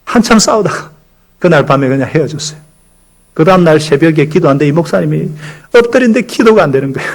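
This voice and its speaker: Korean male pastor preaching, slightly high voice. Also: fast talker, poor audio. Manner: leads the congregation in call-and-response recitations; animated storytelling with acted-out quotes. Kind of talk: sermon. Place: church sanctuary.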